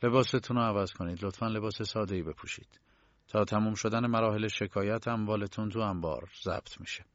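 A man voicing blunt low-ranking guards who talk in a flat, curt and condescending way. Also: no echo, muffled recording, close to an everyday voice.

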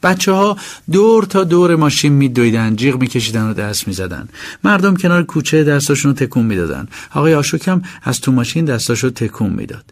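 Man narrating a lively audiobook. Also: medium pitch.

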